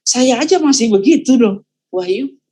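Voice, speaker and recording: An older man, a pastor, giving a sermon testimony and telling a story in a lively way. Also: extremely high pitch, normal speed, rough recording. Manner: animated storytelling, acts out quoted voices.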